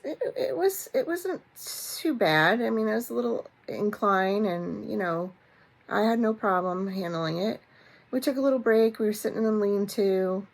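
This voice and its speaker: A woman hosting a vlog, telling a story to camera in a chatty, animated way with many fillers and restarts and a self-mocking sense of humor. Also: medium pitch. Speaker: vlog host. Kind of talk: casual storytelling chat to camera.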